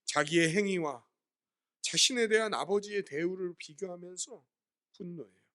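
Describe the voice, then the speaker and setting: A man's voice: high voice, moderate pace, bright, forceful tone. A man preaching a sermon as pastor, asking his listeners questions and answering them himself while explaining words from the Greek Bible.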